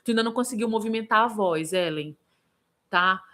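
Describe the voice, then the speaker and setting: A woman's voice: medium pitch, fairly quick. A woman vocal coach in Brazil, teaching a live singing lesson and answering viewers by name. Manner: lively, demonstrative, breaks into vocal examples.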